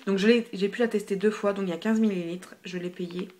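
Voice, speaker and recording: A woman's voice: mid-range voice, fairly even intonation, fast, a little mellow. A young woman chatting casually through a makeup haul, full of fillers and repeated words, sometimes dropping almost to a whisper, filmed on a phone. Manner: chatty, filler-heavy, repeats hyper, drops to near whispers. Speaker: beauty vlogger. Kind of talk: casual product haul review. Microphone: phone camera.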